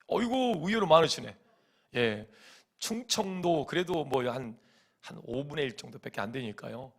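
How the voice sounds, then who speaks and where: Gravelly, animated male pastor. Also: on the high side, normal speed. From Chungcheong, Korea. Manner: animated storytelling, mimics voices and hums folk song lines. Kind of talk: sermon. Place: church sanctuary.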